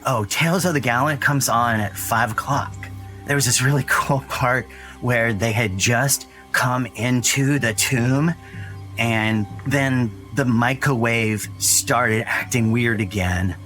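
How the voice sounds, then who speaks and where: In a naturalistic audio drama, an actor plays Dougie, an earnest, frightened young boy recounting his brother's disappearance in a rambling, halting, anxious way. The voice is medium-pitched with a fairly bright tone, and music plays under it.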